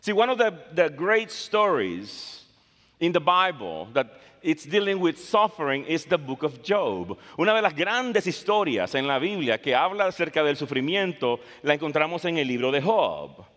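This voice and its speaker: A man preaches slowly with a fairly high voice that rises and falls a great deal. He leans on words and repeats phrases for stress. The long reverb of a large church hall hangs on every line. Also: a bit bright. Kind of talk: bilingual sermon, English and Spanish in turn.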